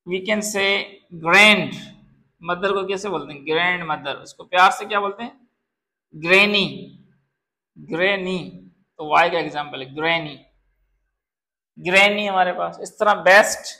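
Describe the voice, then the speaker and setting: Brief: male teacher, high-pitched voice, patient classroom style, keeps checking if students understand. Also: gravelly, bright, forceful tone. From Pakistan. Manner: calls students "beta", explains with word examples. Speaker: English grammar teacher. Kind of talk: classroom grammar lesson.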